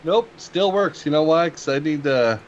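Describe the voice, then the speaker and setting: A man casually chatting as a player at a tabletop game, blunt and deadpan. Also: on the high side, normal speed, highs cut off, slight background noise.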